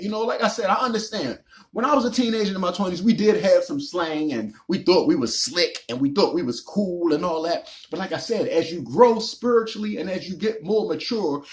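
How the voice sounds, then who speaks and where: A recovery vlogger in his 40s from Baltimore, Maryland delivers a casual motivational monologue. His pitch is lively, and he is emphatic, repetitive and preachy, speaking in slang with "man" thrown in as asides.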